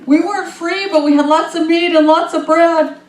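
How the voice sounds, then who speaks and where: A woman voicing a crowd of panicky, complaining wandering Israelites in a shrill, wailing tone, within a sermon. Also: steady tone, moderate pace. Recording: echoey room.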